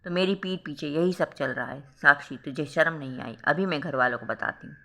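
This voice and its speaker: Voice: medium pitch, fairly quick, bright, forceful tone. A narrator doing a stern, guilt-ridden elder sister. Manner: scolding, then tearful and guilt-ridden. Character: stern young wife, protective older sister.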